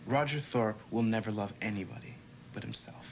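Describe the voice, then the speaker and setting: A man's voice: fairly low pitch, a little fast, slight background noise, natural voice, low-quality recording. An actor playing a wry, joking young man, a loyal best friend, in a 1990s daytime soap opera.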